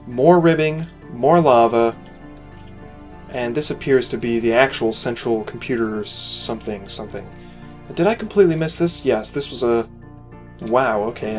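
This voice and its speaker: Reviewing a space station a player built, a worn-out man who is losing his voice gives loose, meandering gameplay commentary, critical but supportive, peppered with "uh" and "you know." He speaks at a medium pitch with a darkish tone.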